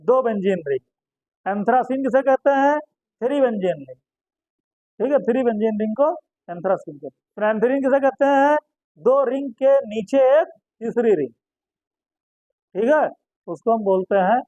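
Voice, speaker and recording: A man teaching chemistry in a very high voice. He keeps quizzing his class and answers his own questions at once. The sound is dry and close, with a dull, muffled tone. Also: lively intonation, moderate pace, long pauses, dry recording. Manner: asks students questions and answers them himself, repeats terms. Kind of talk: classroom lecture.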